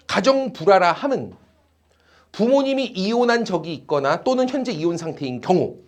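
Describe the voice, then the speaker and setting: High-pitched, animated male teacher. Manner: animated, teasing, blunt slang with students. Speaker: academy teacher. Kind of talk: classroom lecture. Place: classroom.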